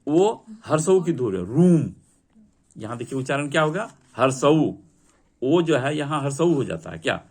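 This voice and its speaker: A man's voice: medium pitch, sing-song, moderate pace, vocal fry, a little mellow. A man teaching English vocabulary to a class, drilling word meanings and asking students to repeat them.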